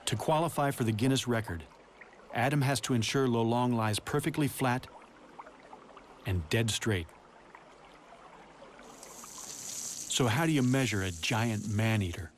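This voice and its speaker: A man's voice: mid-range voice, measured pace, long pauses, slight background noise. A man reading scripted nature documentary narration in a dramatic, suspense-building way. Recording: loud music under the voice. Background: loud background music.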